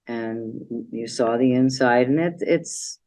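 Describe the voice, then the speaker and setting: A woman with a notably low voice talks casually through her travel slides. She rambles a little and fills pauses with "um" and "so" as she clicks along. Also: mellow. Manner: chatty, meandering, with many fillers. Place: library meeting room.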